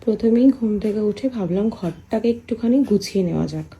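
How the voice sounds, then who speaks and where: A woman vlogging softly at home, chatting about her chores while someone sleeps nearby. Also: medium pitch, expressive, fairly quick, low-quality recording. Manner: soft, hushed talk so as not to wake a sleeper; chatty, homely running commentary on chores. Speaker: family vlogger. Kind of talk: casual vlog narration. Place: home, indoors.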